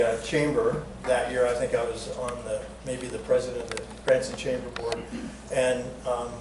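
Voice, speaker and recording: A man's voice: medium pitch, darkish tone. An older man telling chatty, jokey stories to a live audience at a museum talk, raising his voice when he acts out what others said. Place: museum event room. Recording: echoey room, distant mic, noisy background.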